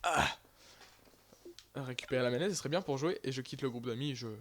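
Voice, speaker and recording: Young male gamer, casual live commentary, lots of fillers, mid-pitched voice. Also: fairly quick, a little hiss or hum. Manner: casual, rambling, many fillers and restarts. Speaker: gaming YouTuber.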